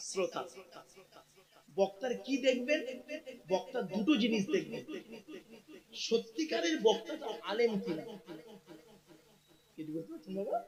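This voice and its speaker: A man preaching a sermon to a gathering, joking and coaxing his listeners. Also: high voice. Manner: jokey, coaxing, calls listeners "baba". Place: outdoor gathering tent. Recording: crowd noise at a religious gathering. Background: large crowd.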